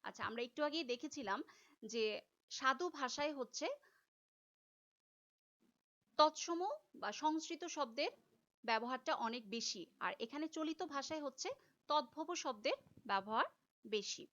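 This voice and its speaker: A woman's voice: high voice, lively intonation, moderate pace, fairly bright tone, muffled recording. A woman teacher giving a recorded class lecture, explaining step by step and repeating key terms.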